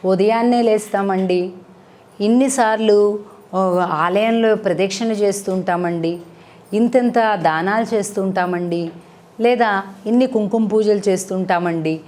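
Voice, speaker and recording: With a medium-pitched, darkish voice, a woman shares a devotional talk full of moral tales. As a spiritual speaker and storyteller, she teaches conversationally and asks her listeners rhetorical questions.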